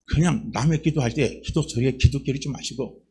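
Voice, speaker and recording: Gravelly-voiced man preaching a sermon. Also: medium pitch, fairly quick. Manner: lively, talks straight to the congregation with rhetorical questions. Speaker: pastor. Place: church sanctuary.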